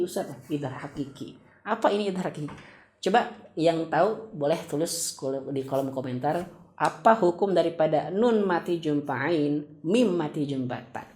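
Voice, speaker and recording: A man teaching Quran recitation in an online lesson, patiently demonstrating each sound with slow, drawn-out recitation and addressing viewers as friends and parents. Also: fairly high pitch, a little mellow, husky.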